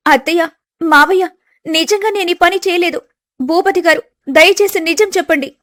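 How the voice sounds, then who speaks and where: A woman's voice: very high voice, normal speed, fairly bright tone, pitched above the performer's own voice. A woman doing a pleading young daughter-in-law. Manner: pleading, earnest.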